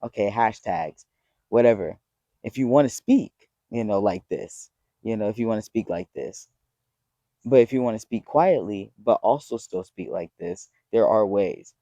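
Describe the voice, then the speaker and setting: A man's voice: on the low side, animated, normal speed, mellow, no echo. A man in his twenties talking to camera in a rambling, earnest motivational way, swearing freely as he goes. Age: 20s. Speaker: vlogger. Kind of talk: casual motivational talk to camera.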